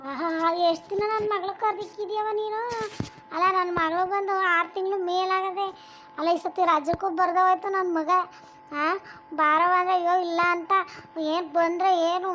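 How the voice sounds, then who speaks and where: A woman's voice: very high-pitched, fairly even intonation, fairly quick, fairly bright tone, muffled recording, a little hiss or hum. A woman voicing a bitter old village grandmother in a cartoon, nagging and self-pitying as she scolds her daughter-in-law. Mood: scolding. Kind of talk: cartoon voice acting.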